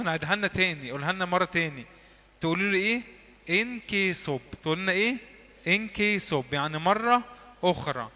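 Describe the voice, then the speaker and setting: Man, Egyptian Arabic accent, church class teacher, high voice, repeats words slowly for learners, reverberant hall. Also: sharp tone. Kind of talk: lively classroom teaching with drills.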